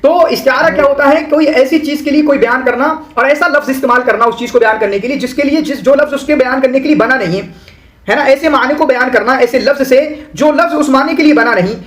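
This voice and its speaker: A man's voice: very high-pitched, fast, a bit bright, roomy sound. A man teaching a lesson, reading Arabic lines and then explaining them in a conversational way with everyday examples, often adding "है ना". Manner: repeats "है ना" often. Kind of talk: lecture explaining Arabic literary terms.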